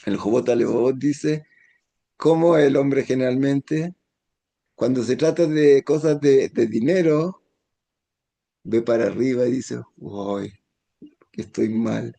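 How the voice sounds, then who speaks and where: A man, a rabbi, teaching a Torah lesson in a gentle tone, now and then acting out the voices he quotes. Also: medium pitch, measured pace, vocal fry, pauses often.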